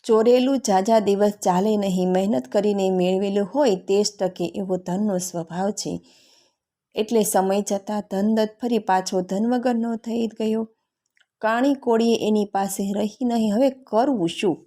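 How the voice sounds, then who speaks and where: A woman narrating a folk tale in a calm, steady storytelling manner. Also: medium pitch, measured pace.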